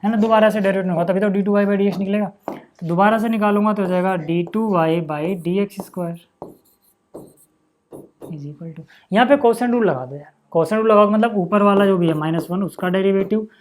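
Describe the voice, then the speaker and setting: Sitting high and moving briskly, his voice carries a faint hiss or hum. He's a man giving an informal, step-by-step math lesson, sprinkling in "है ना" and "यार" to check students follow and calling them "भैया" and "भाई", meaning brother.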